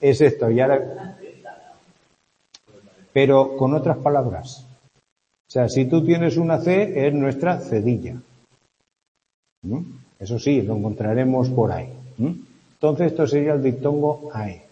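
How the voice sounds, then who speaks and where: A man's voice: mid-range voice, lively intonation, measured pace, long pauses, warm tone. A man from Spain lecturing a class as a teacher, explaining step by step and often checking in with a questioning hum. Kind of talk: classroom lecture on Latin abbreviations. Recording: dull lo-fi sound in a reverberant hall.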